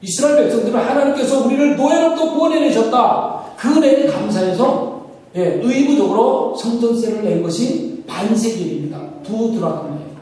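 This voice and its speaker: A man's voice: very high-pitched, moderate pace, warm tone. A male pastor preaching a sermon, explaining patiently and posing questions to the congregation that he then answers himself. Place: church sanctuary. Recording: echoey hall from a distant mic.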